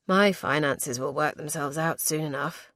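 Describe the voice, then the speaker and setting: A woman voicing an affectionate young lord, speaking low, wry and murmuring to his new wife. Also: moderate pace, a bit bright, no echo, clean studio sound. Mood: tender.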